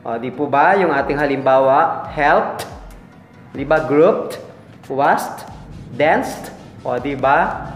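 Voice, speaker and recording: Male teacher, casual lesson, playful, drills words unhurriedly, roomy echo, soft music underneath. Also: mid-range voice. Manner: playful, chuckles often, drills words slowly for repetition. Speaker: English teacher. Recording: echoey room with faint music.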